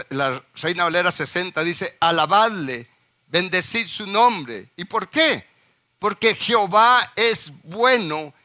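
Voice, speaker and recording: A man's voice: fairly high pitch, pushed and bright. A male pastor from Guatemala preaching a sermon, asking the congregation questions and reading scripture with emphasis, with frequent hesitations. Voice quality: frequent hesitations and repeated words.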